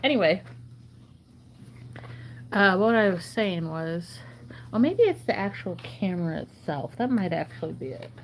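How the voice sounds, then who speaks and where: A woman chatting casually and haltingly as a channel host, her throat sore and swollen-sounding, often needing clearing. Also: fairly low pitch, lively intonation. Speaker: trading card channel host. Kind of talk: casual chat while sorting cards. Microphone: phone camera. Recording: noticeable background noise.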